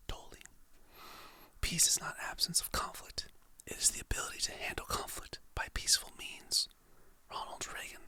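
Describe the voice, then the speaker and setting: ASMR host who whispers throughout, crisp bright breathy tone, soft and encouraging. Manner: soft, relaxed, slow-paced, encouraging. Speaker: ASMR creator. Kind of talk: ASMR whispering, reading calming quotes.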